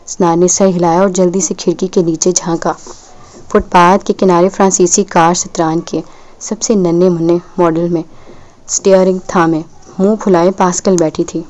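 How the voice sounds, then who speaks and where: Low mellow-voiced woman narrating a novel. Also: flat delivery. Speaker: audiobook narrator.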